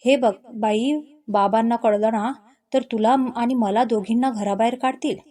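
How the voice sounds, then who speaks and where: Woman doing a scolding middle-aged mother, storybook reading, homely manner, mellow tone. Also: fairly high pitch, fairly even intonation, moderate pace, close to an everyday voice. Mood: chiding. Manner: chiding, homely.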